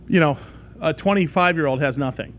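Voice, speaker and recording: A middle-aged man hosting a radio talk show, rambling and lively, often restarting his sentences. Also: fairly high pitch, fairly quick.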